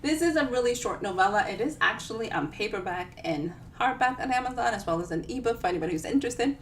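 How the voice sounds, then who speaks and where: Recorded on a distant mic with noticeable background noise, a woman author chats to her livestream viewers during a casual book reading. She talks fast in a fairly high, expressive voice, playful and quick to poke fun at herself.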